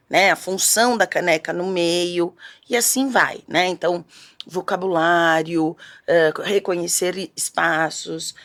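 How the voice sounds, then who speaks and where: A woman's voice: lowish voice, a bit bright. A woman speech therapist from Brazil, explaining as an interview guest in a didactic, step-by-step way.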